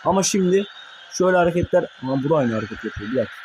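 A young man commentating his own mobile football match for viewers, excitable and quick to curse at his players in frustration. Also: on the high side, a little hiss or hum, poor audio. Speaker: gaming YouTuber.

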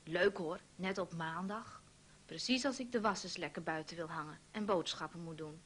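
A woman's voice: lowish voice, normal speed, a bit bright, slightly rough. A woman playing a grumpy snappish housewife. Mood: grumbling. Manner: snapping and grumbling.

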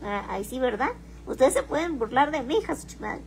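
A woman's voice: high voice, animated, a little fast, creaky, a little hiss or hum, low-quality recording. Teasing woman, crude slang. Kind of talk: casual livestream talk.

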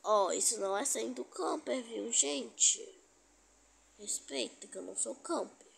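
Gravelly woman commenting on a game. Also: on the high side, lively intonation, measured pace, a little hiss or hum. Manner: chatty, talks to viewers, teasing opponents. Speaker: gaming streamer. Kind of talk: casual gameplay commentary.

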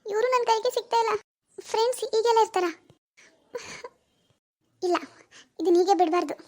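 A woman playing an anxious young wife, high-voiced. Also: normal speed, dark tone. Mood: hurt. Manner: anxious, questioning herself aloud. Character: young wife, hurt and suspicious of husband. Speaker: actor in a family web drama. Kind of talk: amateur family drama acting.

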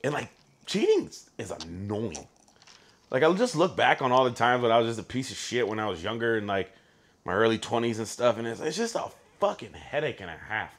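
A man's voice: mid-range voice, very animated, fairly quick. Crude, storytelling young man. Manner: crude, profane storytelling with acted-out quotes. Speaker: podcast co-host. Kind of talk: casual comedic chat.

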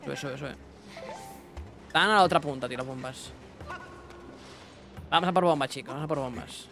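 A young man giving casual let's-play commentary, excitable, talking to himself and his chat with bursts of yelps. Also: fairly high pitch, moderate pace, soft background music. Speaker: gaming streamer.

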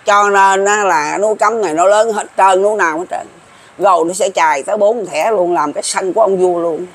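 Brisk and high-voiced, a seventy-something commentator on folk prophecy chats casually to his viewers in a Southern Vietnamese accent. He wanders from point to point in a folksy manner and says things more than once.

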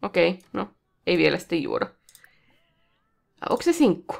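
This gravelly-voiced woman plays through a game on her let's play, speaking casually and addressing the game characters. Every so often she bursts out in a high, excited pitch.

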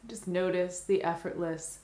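A low-voiced woman guides a meditation, speaking in a very even, gentle way, with long pauses between her soothing phrases. The recording sounds roomy, and clear reverberation surrounds her voice.

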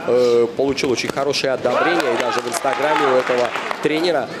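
A man's voice: mid-range voice, steady tone, fast talker, a loud crowd. A man giving live, analytical boxing commentary as a co-commentator. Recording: loud arena noise behind the voice.

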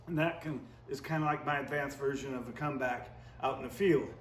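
A middle-aged man gives a hands-on lesson in a casual, rambling, folksy way. His voice sits at an ordinary male pitch. The sound is echoey and set back from the microphone, as in a hard-walled indoor room. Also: fairly quick. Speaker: goose calling instructor. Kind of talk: casual instructional demonstration. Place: indoor room with brick fireplace. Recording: roomy, echoey, distant microphone.

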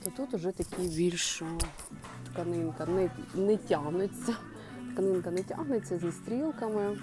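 A woman's voice: fairly low pitch, moderate pace, music in the background. A woman chatting to her viewers while browsing a clothing and home goods store, thinking aloud in a casual shopping vlog. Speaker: shopping vlogger.

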